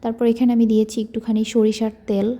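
A young woman from Bangladesh narrating her home cooking vlog in a casual, chatty way, keeping her voice soft so her child can sleep. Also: on the high side, completely flat delivery, quick pace. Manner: chatty, leans on filler words. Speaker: cooking vlogger.

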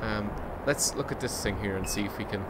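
A man's voice: lowish voice, a little fast, very noisy. A man in his thirties with an Irish accent, giving casual, sardonic, sweary live game commentary. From Ireland. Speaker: game streamer. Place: indoor room, streaming setup.

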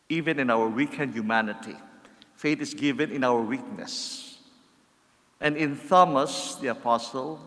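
A middle-aged priest preaches a homily from a lectern, speaking slowly and deliberately and pressing hard on key words. His voice sits at an ordinary male pitch. It comes through a church livestream, with long reverb trailing off each phrase. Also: a bit bright. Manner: slow, measured preaching with rising emphasis.

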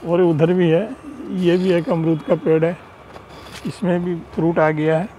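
Filming his rooftop terrace garden outdoors on a handheld phone, a man chats casually and points things out in a walkthrough. His voice is a little high and warm, his delivery flat and a bit slow, and the low-quality recording has slight hiss or hum.

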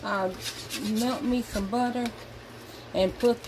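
A woman's voice: fairly high pitch, fairly even intonation, slow pace. A Southern woman casually talking viewers through cooking dinner in her home kitchen, explaining each step as she goes. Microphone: handheld phone camera. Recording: noisy kitchen phone recording.

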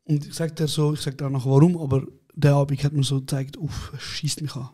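Animated slangy man telling anecdotes. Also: on the high side, brisk, husky. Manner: slangy, animated anecdotes with acted quotes, laughs often. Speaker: podcast co-host. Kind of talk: casual chat, storytelling.

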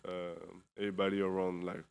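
Tired young guy at a postgame presser mic, low smooth voice, lots of ums and restarts. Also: monotone. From Europe. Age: 20s. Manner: halting, with many fillers and restarts. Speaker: basketball player. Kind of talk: postgame press conference answers. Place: indoor press conference room. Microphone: table microphone.

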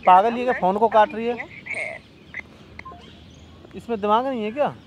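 Worried insistent high-voiced man. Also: moderate pace, crowd noise. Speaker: prank target. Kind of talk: casual home video talk. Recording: noisy home video recording.

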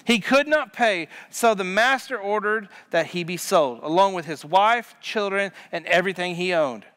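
A pastor preaches a sermon in a church sanctuary, his voice bright and high, animated, and at normal speed. His delivery is emphatic and repetitive, punctuated by sudden loud punches.

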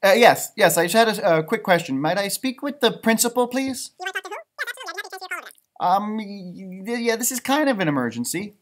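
An American teacher in his 30s leads a kids' storytime in a room lined with bookshelves, reading a storybook aloud in an animated way and chatting along the way for elementary schoolers. His high voice swoops around at a moderate pace, playful and theatrical, lurching suddenly from loud to hushed.

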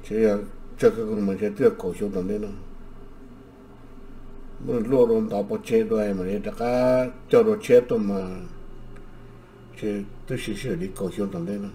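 A man chatting casually, halting and repeating words as he talks. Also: lowish voice, fairly even intonation, warm tone, slight background noise. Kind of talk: casual conversation.

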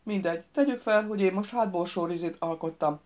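A woman's voice: fairly low pitch, darkish tone, muffled recording, natural voice. A woman voicing a clumsy, joking grown man in an audiobook, dry and bumbling.

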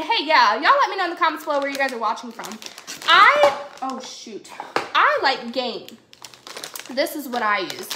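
Filming on a phone at arm's length in her echoey kitchen, where faint noise can be heard, a young adult livestreamer rambles and giggles with viewers over her grocery haul. Her voice sits high and has a sharp tone.

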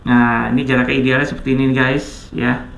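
A man's voice: medium pitch, level tone, a little fast, vocal fry, fairly bright tone, slight background noise. A man giving a casual product review, chatty and addressing viewers often. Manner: chatty, says "guys" a lot. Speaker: tech reviewer.

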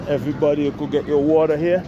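Here a Caribbean travel vlogger in his forties chats slowly and casually as he walks a busy outdoor village market, selfie camera at arm's length, exchanging friendly greetings with passersby. His voice is on the high side and steady, the sound is lo-fi, and street noise lingers in the background.

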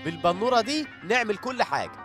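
An actor playing an excitable, comic young trickster boasting about a magic crystal ball in a TV drama. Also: male voice, high-pitched, fast talker, faint music behind. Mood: excited. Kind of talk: TV drama acting.

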